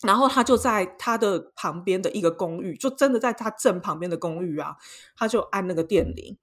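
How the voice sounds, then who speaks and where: A young woman with a Taiwanese Mandarin accent, co-hosting a podcast and telling a story in a casual, lively way, acting out voices as she goes. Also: medium pitch, fairly quick. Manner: animated, acts out voices in her story. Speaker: podcast co-host.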